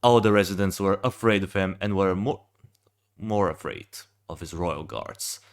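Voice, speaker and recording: A man's voice: sits low, normal speed. A young man who just woke up reads a fan-made game backstory aloud, stumbling and restarting often. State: just woken up. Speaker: game fan reviewing a hero design.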